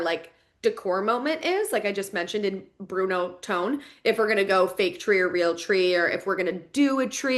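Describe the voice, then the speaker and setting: A woman's voice: medium pitch, bright, forceful tone. A woman co-hosting a casual podcast, bubbly and enthusiastic with slangy phrasing. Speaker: podcast co-host. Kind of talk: casual chat.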